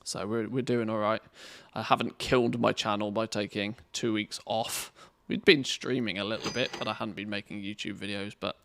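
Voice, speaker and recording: A man chatting casually to viewers on a game livestream, rambling informally, with a gravelly voice. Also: lowish voice, steady tone, moderate pace, fairly bright tone, a little hiss or hum. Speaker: game streamer and video maker. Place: indoor studio room padded with cushions against echo.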